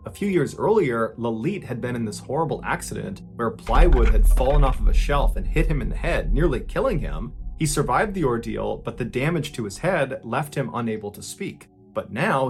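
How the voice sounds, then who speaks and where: A male podcast host narrates a dark true story with suspenseful drama, his voice rising at tense moments and sinking low at grim ones.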